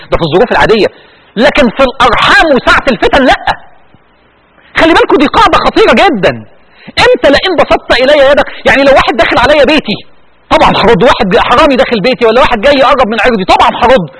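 An Egyptian man delivers a sermon at a breakneck clip, his voice sitting very high for a man. He pleads with his listeners, swinging his pitch all over the place, and his voice at times cracks with feeling. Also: a bit bright, poor audio. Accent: Egyptian Arabic. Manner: impassioned, pleading, voice breaking with emotion. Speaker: preacher.

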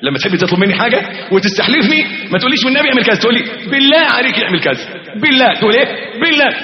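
A man preaching a lively sermon with an Egyptian accent. He swings from loud exclamations to soft asides and acts out little dialogues. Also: extremely high pitch, very fast. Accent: Egyptian Arabic. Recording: echoey, reverberant, dull lo-fi hall recording.

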